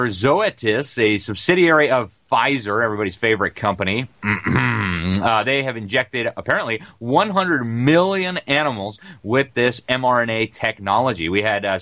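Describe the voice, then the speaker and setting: A man hosting a talk show, delivering rapid, emphatic news commentary and ad reads with many "uh" fillers, calling his listeners "folks.". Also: lowish voice, bright, forceful tone, dry recording. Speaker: show host. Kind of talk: fast-talking news commentary and ad read.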